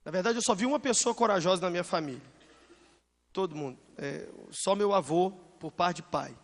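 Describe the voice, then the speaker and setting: A male pastor preaching a sermon and listing things in a steady rhythm. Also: sits high, brisk. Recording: long church hall reverb.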